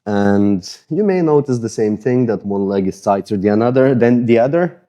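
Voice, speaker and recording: A man's voice: on the low side, normal speed. A man with an Eastern European accent, a fitness coach casually guiding a follow-along mobility routine, sweaty just after a workout and joking about his own tight muscles. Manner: casual, self-deprecating, relaxed coaching.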